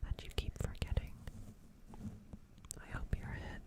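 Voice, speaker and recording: Close to the mic, a woman streams a whispered ASMR roleplay as a gentle, caring alien. She stays soothing and unhurried, softly repeating words.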